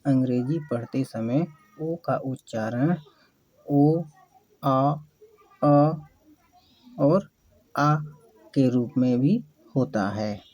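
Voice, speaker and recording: A teacher giving a slow English lesson, spelling out words letter by letter and repeating questions to the class. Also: medium pitch, warm tone, highs cut off. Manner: patient, repeats questions and answers.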